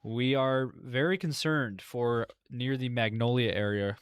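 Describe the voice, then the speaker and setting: A man's voice: mid-range voice, unhurried, clear, resonant tone, no room sound, studio quality. A man hosting live severe weather coverage, commenting with concern and repeating key points. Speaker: severe weather livestream host.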